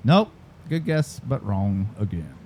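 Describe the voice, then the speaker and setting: A man's voice: on the low side, very animated, takes it slowly, darkish tone, a little hiss or hum. A man hosting a casual fishing talk show, joking and teasing, laughing often. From Florida. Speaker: podcast host. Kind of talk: casual radio chat.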